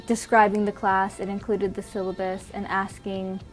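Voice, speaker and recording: A woman's voice: medium pitch, flat delivery, normal speed. A woman student with a mid-range voice speaks earnestly and a little hesitantly. Faint music sits in the background. She is recorded for a documentary interview. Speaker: college student.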